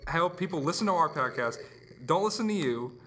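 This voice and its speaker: A man co-hosting a podcast in casual chat, quick to react, swearing and laughing as he talks. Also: fairly high pitch, expressive, a bit bright, slight background noise. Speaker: podcast co-host.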